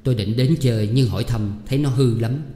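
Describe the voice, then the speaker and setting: A man reading a novel aloud in steady, measured first-person narration. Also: medium pitch, a little hiss or hum. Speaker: audiobook reader. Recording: echoey reverberant room, faint ambience.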